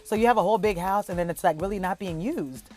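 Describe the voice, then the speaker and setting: A woman in her thirties from Cameroon, a travel blogger telling her family's story in a relaxed, chatty way with plenty of fillers. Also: mid-range voice, fast talker, faint music behind. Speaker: travel blogger and content creator. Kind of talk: documentary interview.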